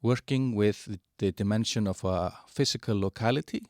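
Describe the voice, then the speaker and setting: A man giving a halting walkthrough of an online platform, with many fillers and restarts. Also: lowish voice, darkish tone, no echo, studio quality. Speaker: presenter of a digital platform. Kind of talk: screen-share product walkthrough.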